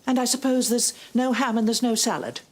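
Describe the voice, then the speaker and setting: A woman's voice: fairly high pitch, darkish tone, close to an everyday voice. A woman playing an earnest, principled lady. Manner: earnest, brisk. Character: earnest, principled middle-aged lady of the house.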